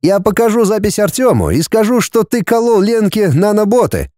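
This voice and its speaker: A man's voice: high-pitched, very animated, normal speed, mellow, no room sound, clean studio sound, pitched above the performer's own voice. A man voicing a good-natured young man turned cruel blackmailer, purring one moment and cold the next. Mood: mocking, menacing. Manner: cheerfully menacing, purring then cold. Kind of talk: audiobook character voice.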